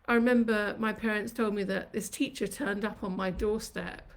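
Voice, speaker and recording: Speaking at a moderate pace with fairly even intonation and medium pitch, a woman in her fifties from Sri Lanka hosts a live stream on her own channel from her kitchen. Chatty and reflective, she tells her life story and reminisces at length.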